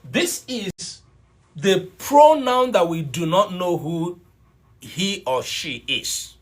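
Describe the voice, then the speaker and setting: A middle-aged man teaches a live online language class, explaining points patiently, repeating them, and greeting students by name. His voice sits high with lively intonation, and he speaks at a slow pace.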